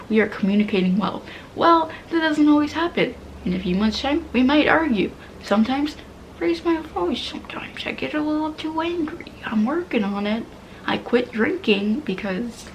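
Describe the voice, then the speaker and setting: A woman's voice: mid-range voice, slight background noise, rough recording. A woman in her twenties candidly venting, rambling and swearing casually, often dropping into half-whispers. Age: 20s. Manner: swears casually, laughs at herself. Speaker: vlogger. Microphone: poor-quality mic.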